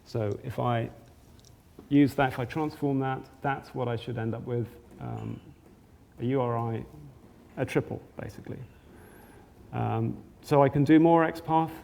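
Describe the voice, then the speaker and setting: Man presenting with a gravelly, mellow voice. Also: mid-range voice, a little slow, pauses often. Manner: hesitant, frequent ums and restarts. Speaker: conference speaker. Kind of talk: technical presentation. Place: conference hall. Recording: roomy hall with long reverb, faint noise.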